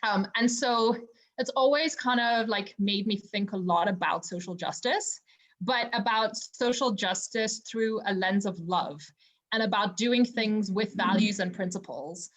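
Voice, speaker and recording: Speaking a little slowly, a woman with a medium-pitched, fairly bright voice appears as a podcast guest. She's from Zimbabwe and calls in remotely from home for a casual interview, sounding sincere and reflective, with frequent fillers like "you know."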